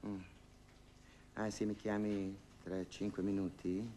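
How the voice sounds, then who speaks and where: A man's voice: on the low side, level tone, slow pace, warm tone, a little hiss or hum. An actor playing a lonely older woman who gossips and haggles on the phone in a theatrical monologue, sighing and wryly complaining. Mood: bargaining. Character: lonely, wry older woman hiring a dance partner.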